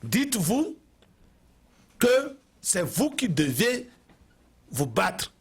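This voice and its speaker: Man, exhorting TV commentary, husky, swooping pitch. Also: huge pitch swings, extremely slow. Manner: exhorting, preacherly, repeats phrases for emphasis. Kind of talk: impassioned televised address.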